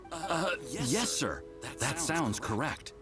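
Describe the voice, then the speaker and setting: A man's voice: a little high, big pitch swings, slow. A man voicing an eager, deferential young male research assistant in a video game cutscene. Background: game music.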